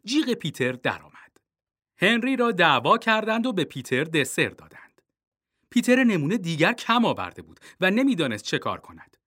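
A man reading a children's storybook aloud, expressive and dropping low for suspense. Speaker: narrator.

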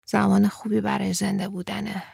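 A woman voicing a weary grown man who talks in a dry, mildly patronizing way, with a gravelly tone in a dry room. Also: mid-range voice, flat delivery, a little mellow, no room sound. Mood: wry. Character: weary grown man, older than the girl.

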